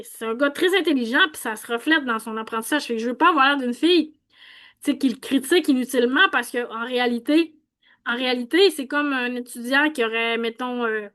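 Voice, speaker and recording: Chatty Québécois woman, high voice. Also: fairly bright tone. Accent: Quebec French. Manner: thinking aloud, many restarts and Quebec fillers. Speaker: host explaining phonetics. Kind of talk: casual unscripted explainer.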